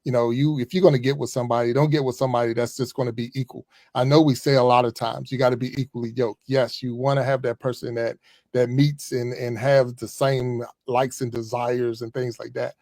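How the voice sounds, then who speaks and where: A man in his fifties with a gravelly, low-fry voice speaks as a guest on a podcast, a former pastor in relaxed conversation. He is chatty and easygoing, and the sound is close and dry. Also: brisk, dry recording. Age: 50s. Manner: relaxed, chatty, frequent chuckles and asides. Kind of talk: casual conversational interview.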